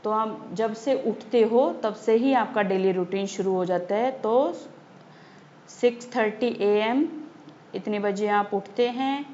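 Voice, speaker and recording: Slow patient woman teacher. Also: mid-range voice, darkish tone. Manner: slow, patient, repeats key points for children. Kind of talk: textbook lesson explanation. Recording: slightly dull lo-fi audio with faint noise.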